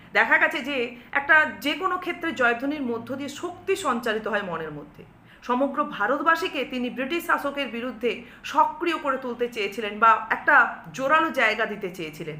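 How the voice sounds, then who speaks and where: A woman's voice: sits high, sharp tone, reverberant. A woman teacher with a West Bengal Bengali accent explaining a poem to students step by step, asking and answering her own questions.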